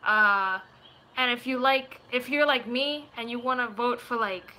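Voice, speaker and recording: Her voice is fairly high, unhurried, pushed and bright as she chats casually with viewers. She's a twenty-year-old Puerto Rican video creator, playful and rambling in vlogger fashion, putting on accents and voices during this live chat. The noisy webcam audio comes from a small room in her home.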